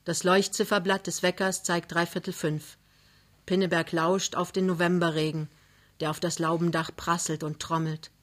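Calm, low-voiced woman reading a novel. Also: normal speed. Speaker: reader. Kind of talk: literary reading.

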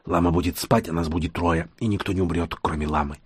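Мужчина, читающий аудиокнигу, озвучивает самого юного хвана, напористого и дерзкого интригана. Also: male voice, medium pitch, big pitch swings, brisk, gravelly, no echo, voice pushed up. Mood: insistent. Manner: pushy, insistent. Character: youngest young male khan, brash schemer.

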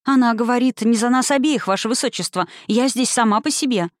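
Prim, high-strung young woman voiced by a woman narrator, high and fretful, dry sound. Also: a little fast, dry recording, lightly acted. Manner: prim, anxious and exasperated.

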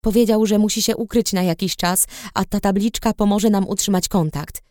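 A woman reading the part of a caring middle-aged mother who speaks softly and soothingly. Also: mid-range voice, steady tone, normal speed, no room sound, clean studio sound, natural voice. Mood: gentle.

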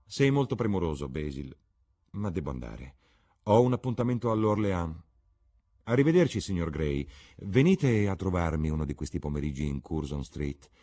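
A man voicing a witty, cynical English lord who lectures with irony in a deep, husky voice. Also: sing-song, normal speed, dark tone. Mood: urbane. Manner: ironic, lecturing. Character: witty aristocratic older gentleman, cynical, languid.

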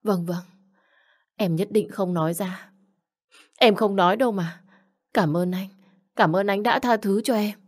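A woman's voice: mid-range voice, unhurried, long pauses, voice pushed up, natural voice. A woman reading a story, voicing a frightened young wife who pleads and apologizes to her husband. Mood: pleading.

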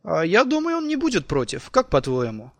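Man doing a seductive grown woman, soft, coaxing, lifted voice, dry close mic. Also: on the high side, wildly swooping pitch, a little fast, no room sound. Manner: coaxing, smooth.

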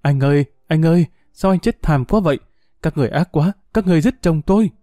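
A man's voice: on the high side, fairly quick, mellow, dry recording, studio quality, voice pushed up, close to an everyday voice. A man voicing a desperate young mother who pleads and wails. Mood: anguished. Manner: pleading, wailing.

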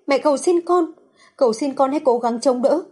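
A heartbroken middle-aged mother pleads through tears, her voice climbing high with desperation, as a woman narrator acts her out. The tone is dark and mellow, and heavily breathy. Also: moderate pace. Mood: desperate sobbing.

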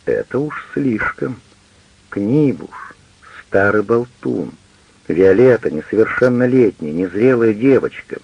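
A man with a gravelly, husky voice voicing an indignant, hurt middle-aged wife who argues with her husband in an audiobook. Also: lowish voice, no room sound, highs cut off. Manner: reproachful, heated, pleading.

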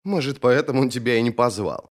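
A man's voice: mid-range voice, fast talker, natural voice. A man reading an audiobook, voicing an awkward, earnest young man in training as a warrior, hesitant and sheepish. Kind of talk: audiobook character voice.

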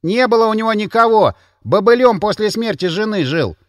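A cheeky young village lad, as a male narrator puts him on, high and whiny, his voice leaping up and down as he pushes his price. The delivery is pushy and dry, with no room sound at all. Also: lively intonation, a little fast, no room sound. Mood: pushy haggling.

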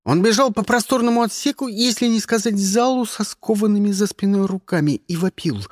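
An expressive audiobook reader narrating a first-person story. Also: medium pitch, a little fast, dry recording, studio quality. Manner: lively, expressive reading.

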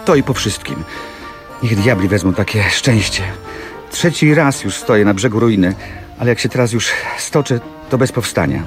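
A ruined young mill owner, bitter and proud, his voice a little raised above the reader's own, as a man reads him aloud. Soft music plays faintly under the audiobook reading. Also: fairly low pitch, moderate pace, lightly acted. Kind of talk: audiobook reading of a classic novel.

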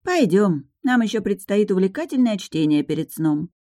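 A woman's voice: mid-range voice, very animated, normal speed, mellow, dry recording, clean studio sound, voice pushed up, lightly acted. A woman voicing a fussy, traditional young witch student who speaks emphatically. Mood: emphatic. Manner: indignant, emphatic. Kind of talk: audiobook narration.

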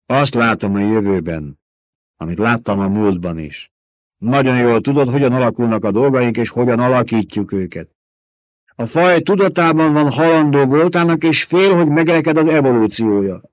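A man's voice: mid-range voice, no room sound, voice pushed up, lightly acted. A man voicing a stern, scornful old woman who mocks and scolds in a domineering way. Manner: mocking and domineering.

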